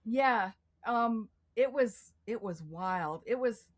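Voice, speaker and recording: Casting: middle-aged woman, chatty interview guest, animated storyteller who acts out quotes. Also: a little high, slow pace. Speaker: guest artist. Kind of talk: casual interview conversation.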